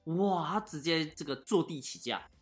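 A man's voice: on the high side, expressive, moderate pace, soft background music. A man, co-hosting a casual podcast chat, chatty and self-mocking. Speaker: podcast co-host.

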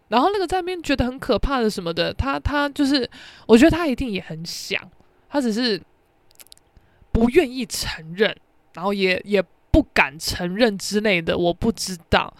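A young Taiwanese-accented woman rants through a podcast story, blunt and quick to swear. Her voice sits high and bright in pitch. The sound is dry and close, with no room around it. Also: no echo. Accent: Taiwanese Mandarin. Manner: brash, blunt, swears freely, animated. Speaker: podcast host. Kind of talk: casual storytelling rant.

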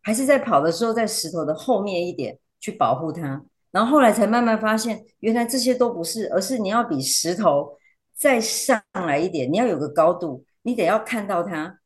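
A woman teacher, a podcast guest, chatting casually and telling animated stories. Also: medium pitch, a little fast. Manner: animated storyteller, acts out quotes.

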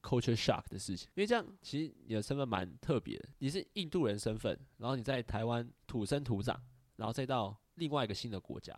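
A man's voice: mid-range voice, lively intonation, no room sound. A man co-hosting a casual podcast, firing off teasing questions and chiming in often. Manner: teasing, quick questions, frequent backchannel. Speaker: podcast co-host. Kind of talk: casual chat, interviewing.

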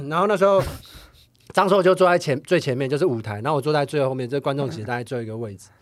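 Male stand-up comedian, Taiwanese Mandarin accent, quick rambling storyteller, slightly high voice. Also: no echo, studio quality. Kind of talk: casual comedy podcast chat.

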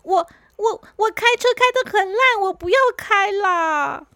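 A woman's voice: very high-pitched, animated, a little slow, bright, forceful tone, no room sound, pitched above the performer's own voice, heavily acted. A woman voicing an anxious young girl who stammers and sounds close to tears. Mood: fretful. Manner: stammering, teary.

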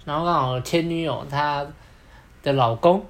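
A man's voice: on the high side, normal speed. A young man with a Taiwanese Mandarin accent, telling a personal story as a podcast co-host, rambling along with many fillers. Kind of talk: casual storytelling chat.

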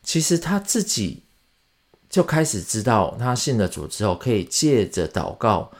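A man hosting a Bible podcast. He retells a story in a lively, chatty way and keeps asking listeners rhetorical questions. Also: lowish voice, measured pace.

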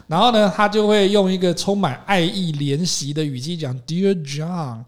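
Taiwanese accent guy host, kinda high voice, talks quick, casual podcast chat w english words thrown in. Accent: Taiwanese Mandarin. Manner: animated storytelling with English words mixed in. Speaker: talk show host and English teacher.

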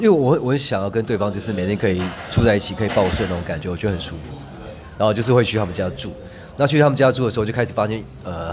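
A man, a podcast guest telling rambling, animated anecdotes with frequent restarts. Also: on the low side. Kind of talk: casual storytelling chat.

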